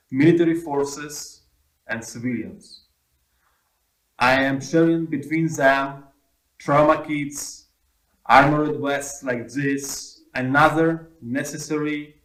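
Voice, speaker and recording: A man with a Ukrainian accent gives a short chaplain's report. He speaks slowly and deliberately in plain non-native English, breaking it into short phrases, and the sound is echoey. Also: mid-range voice. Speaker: military chaplain. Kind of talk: short prepared video report. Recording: roomy, echoing sound.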